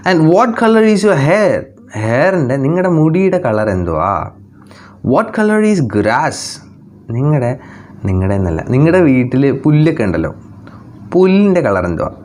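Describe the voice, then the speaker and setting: A man teaching young children English online, speaking English with a Malayali accent, reading English lines slowly and explaining them in quick Malayalam, and asking questions that he answers himself. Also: medium pitch, a little mellow, a little hiss or hum.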